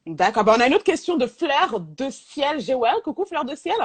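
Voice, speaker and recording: A woman from France hosting a casual live-stream interview, lively and quick to laugh, over a video call. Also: sits high, slightly rough. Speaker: host.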